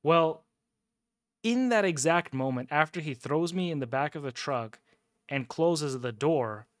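A man's voice: a little high, animated, unhurried, no room sound, studio quality. A man telling a loose, profane story on a casual gaming livestream, chuckling and sipping a drink as he goes. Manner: sips a drink between lines. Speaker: gaming streamer.

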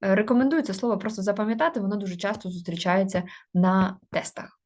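A woman teaching an online grammar lesson. She explains step by step with many hesitation fillers and slows down to spell out example words. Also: mid-range voice, a little mellow.

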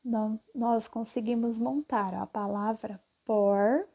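A woman's voice: a little high, steady tone, dark tone, husky. A woman teacher, patiently walking young pupils through textbook exercises step by step. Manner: slow, patient, repeats steps with "tá?". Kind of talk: classroom lesson explaining exercises.

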